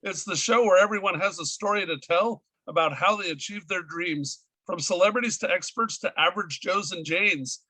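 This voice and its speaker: Bright-voiced upbeat radio co-host man. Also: sits high, normal speed, few pauses, slightly rough, no room sound, rough recording. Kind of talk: radio talk show chat.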